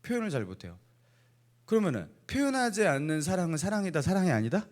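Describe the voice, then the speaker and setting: Animated Korean pastor quizzing his congregation. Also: sits high, fast talker. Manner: asks the congregation playful either-or questions, chuckling. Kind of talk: sermon. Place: church sanctuary.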